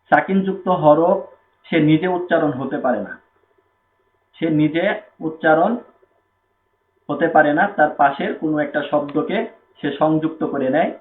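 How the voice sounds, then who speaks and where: A man's voice: fairly high pitch, a little slow, long pauses. A man with a Bangladeshi Bengali accent teaching Quran reading, patiently repeating each letter drill twice. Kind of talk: step-by-step lesson with recited drills. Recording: tinny phone-like sound in an echoey room.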